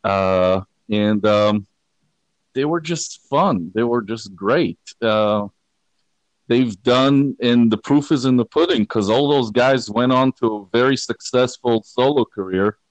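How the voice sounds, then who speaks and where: A man's voice: mid-range voice, takes it slowly, no room sound, rough recording. A man from Israel, a guitarist talking casually and with dry humor as an interview guest. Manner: relaxed, rambling, self-deprecating humor. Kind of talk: conversational interview.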